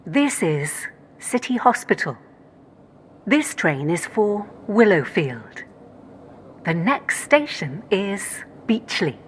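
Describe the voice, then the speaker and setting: A woman's voice giving automated onboard train announcements in slow, measured, evenly spaced phrases. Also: mid-range voice, very animated, a little hiss or hum. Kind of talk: recorded public announcement.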